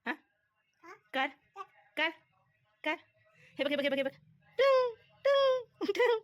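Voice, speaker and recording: A woman's voice: very high-pitched, big pitch swings, takes it slowly. A woman vlogger at home, talking to her toddler in coaxing, repetitive baby talk. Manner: sing-song, coaxing, repetitive. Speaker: vlogger and mother.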